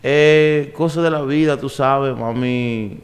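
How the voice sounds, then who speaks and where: A man's voice: mid-range voice, takes it slowly. A man in his forties, born in Puerto Rico and raised in New York, talking casually as a guest in a studio interview. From Puerto Rico, raised in New York and the Dominican Republic. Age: 40s. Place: podcast studio. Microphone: desk mic on boom arm.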